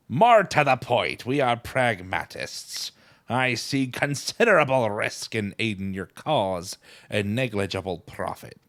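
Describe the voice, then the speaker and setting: A man voicing a gruff male pirate captain, growling pirate talk while reading game dialogue aloud. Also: fairly low pitch, sing-song, takes it slowly, a bit bright, dry recording, heavily acted.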